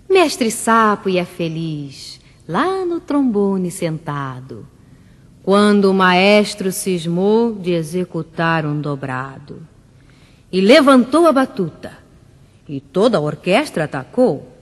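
A woman reading a rhymed children's story for radio in a slow, sing-song way. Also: fairly low pitch, very animated, in a large hall.

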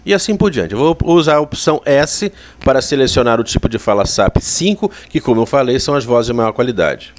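Brazilian man explaining software, medium pitch. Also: lively intonation, fairly quick, hardly any pauses, noisy background. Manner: explanatory, conversational. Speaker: software instructor. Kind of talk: spoken software tutorial.

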